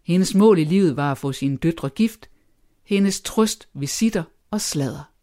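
An audiobook narrator reading a classic novel in a measured, even way. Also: mid-range voice. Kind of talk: scripted literary narration.

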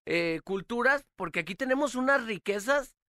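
An earnest Mexican man on a morning radio show who restarts his sentences as he speaks. His voice is high and bright, and the sound is close and dry. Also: lively intonation, no echo. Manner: earnest, halting, many restarts. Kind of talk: casual chat.

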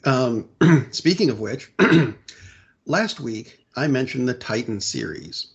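A middle-aged man co-hosting a casual podcast, rambling and correcting himself, clearing his throat often. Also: medium pitch, lively intonation, slow, highs cut off. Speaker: podcast co-host. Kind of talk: casual chat about comic book films and shows.

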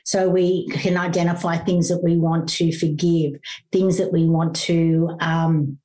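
This conversational interview features a middle-aged woman, a grief coach, describing her process with an earnest, teacherly manner full of fillers and false starts. She speaks unhurriedly, her lowish, dark voice staying level.

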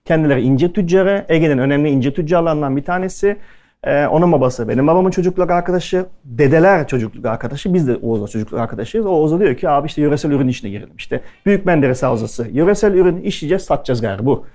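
A man's voice: a little high, animated, fast, dark tone. Chatty man telling anecdotes onstage. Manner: chatty anecdotal delivery, acting out quoted dialogue. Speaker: speaker at a culinary event. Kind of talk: casual storytelling talk to an audience.

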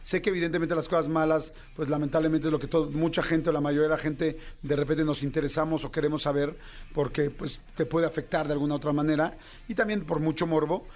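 A Mexican man co-hosting a radio talk show, with a high-pitched voice and eager, exclamation-filled reactions. He chats casually and jumps in quickly. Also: fairly even intonation, a little mellow. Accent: Mexican Spanish.

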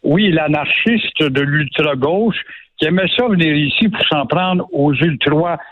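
A man with a Quebec French accent speaks at an unhurried pace in a fairly high voice, delivering sarcastic, indignant remarks as opinionated chat on a radio show. The audio comes through a phone line.

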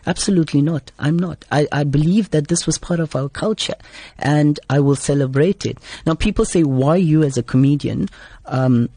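A man's voice: medium pitch, mellow, no room sound. A man with a South African Indian accent answering interview questions in an earnest, emphatic, conversational way. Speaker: comedian and actor being interviewed.

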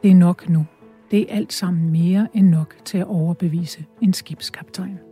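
A woman with a very dark, mellow voice and a slightly husky edge. She speaks as a novelist, both reading a passage aloud and answering questions, often hesitating and restarting her sentences. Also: lowish voice, steady tone, faint music behind. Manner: hesitant, many fillers and restarts. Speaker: author and guest.

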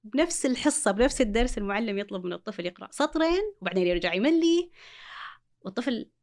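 A woman's voice: fairly high pitch, expressive, quick pace, a little mellow. A woman, explaining reading step by step with examples as a guest. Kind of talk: explanatory talk show chat.

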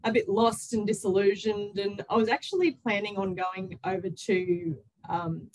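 An excited, chatty woman with an Australian accent, telling personal stories casually as an interview guest. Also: mid-range voice, moderate pace, low-quality recording. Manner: excited, chatty, with quoted self-talk. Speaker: interview guest, author and workplace culture consultant.

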